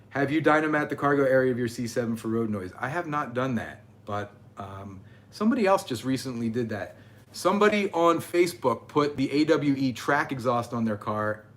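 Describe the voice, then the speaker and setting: A man's voice: mid-range voice, a bit bright. Chatty man reading viewer comments. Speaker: channel host. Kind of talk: casual livestream chat.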